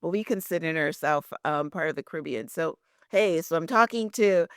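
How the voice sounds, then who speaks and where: A woman's voice: low-pitched, moderate pace, clean tone, no echo, studio quality. A woman from Guyana hosting a podcast interview, chatty and affirming, with many "very nice" replies. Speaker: podcast host. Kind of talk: podcast interview with reading of a synopsis.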